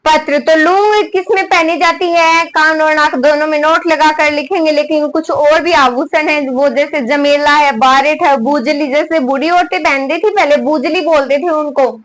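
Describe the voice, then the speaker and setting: High-pitched, slow-dictating woman teacher. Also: a bit bright, rough recording. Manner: repeats items for students to write down; asks students questions and answers them herself. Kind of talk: classroom lesson dictating notes.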